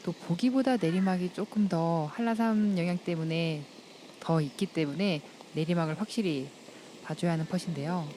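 A female golf commentator gives live analysis in a soft-edged, dark and mellow voice. Her pitch is on the low side, and she explains things politely. Faint outdoor noise runs behind her. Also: normal speed, low-quality recording.

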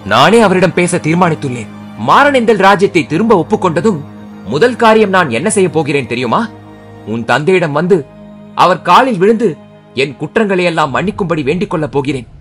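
A man's voice: a little high, lively intonation, brisk, fairly bright tone, soft background music. A man voicing a young nobleman, speaking firmly and earnestly to his beloved in an audiobook. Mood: resolute. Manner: firm, earnest.

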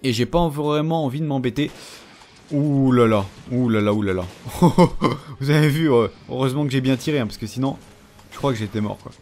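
A man's voice: mid-range voice, moderate pace, a little mellow, soft background music. A man giving casual commentary over his own gameplay, chatty and teasing the enemies he fights. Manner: chatty, taunts enemies, frequent fillers. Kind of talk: casual let's-play commentary.

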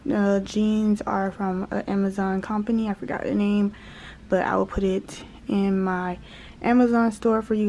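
A woman's voice: medium pitch, warm tone, slight background noise. Chatty young woman vlogging to camera. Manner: chatty, rambling, addresses viewers as y'all. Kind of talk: casual vlog chat. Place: at home.

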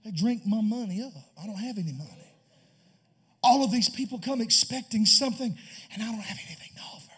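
A man's voice: high-pitched, brisk, a bit bright, slightly rough, pitched below the performer's own voice. A pastor whispering as a frantic father of the groom. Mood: panicked. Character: panicked father of the groom, middle-aged man. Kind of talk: whispered role-play.

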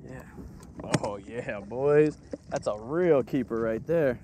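A medium-pitched father coaches his young sons through catching fish on a small boat, excited and repetitive with rapid instructions. He's filming the outing himself. The action camera on board captures the wind and boat noise out on the open water.

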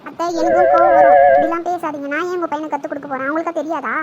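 A woman voicing a sharp-tongued young wife in a family cartoon. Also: sits high, fairly even intonation, very fast, highs cut off, soft background music, voice pushed down, natural voice. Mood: arguing. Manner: argumentative. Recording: noisy home recording.

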